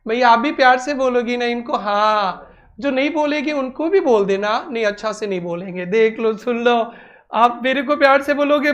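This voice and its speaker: A man's voice: very high-pitched, fairly bright tone. A man teaching an accounting class to students in a classroom, coaxing answers and repeating prompts. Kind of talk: classroom lecture.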